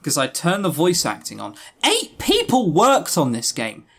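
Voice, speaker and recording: Here a podcast co-host reviews visual novels in a slightly high voice with huge pitch swings and a measured pace. He's casual and opinionated, sounding sarcastically, jokingly exasperated.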